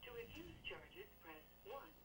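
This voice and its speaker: A woman's recorded voice giving an automated collect-call message over the phone, reading measured, scripted instructions. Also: medium pitch, sing-song, sharp tone. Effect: recorded phone-system message played over a call. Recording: distant, noisy phone-line audio.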